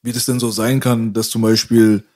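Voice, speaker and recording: A man's voice: medium pitch, level tone, moderate pace, darkish tone. A man in a casual interview asking chatty, probing questions.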